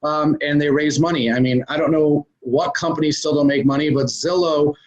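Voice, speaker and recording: On a dull, lo-fi recording, an interviewed real estate investor lays out business ideas one step at a time, chatting along with plenty of "um" and "uh." He talks at normal speed in a fairly high, steady voice.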